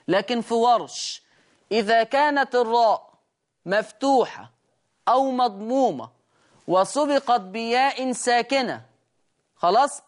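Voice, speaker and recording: A man with an Egyptian accent teaches Quran recitation in a high, light voice. He explains each rule in plain speech, then slows down to chant examples that show it. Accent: Egyptian Arabic. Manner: explains rules and demonstrates by chanting examples slowly. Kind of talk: recitation lesson.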